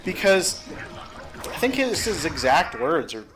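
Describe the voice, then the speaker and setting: A man giving casual, chatty commentary over a video game, talkative and jokey with excitable outbursts. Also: fairly high pitch, a little slow. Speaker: gameplay commentator. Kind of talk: casual let's-play commentary.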